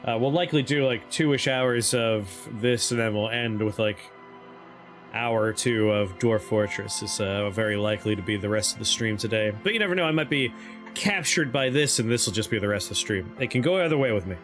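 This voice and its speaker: A man's voice: lowish voice, brisk, fairly bright tone. A man livestreaming a game, chatting casually and reading options aloud as he plays. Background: faint game music.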